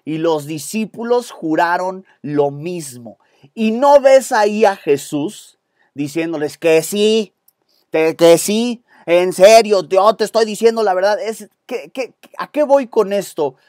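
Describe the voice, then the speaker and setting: A man with a Mexican Spanish accent preaching a sermon with intensity, breaking off for quick asides to his congregation. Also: sits high, animated, darkish tone, dry recording, clean studio sound. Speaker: pastor. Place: church set with stage lights.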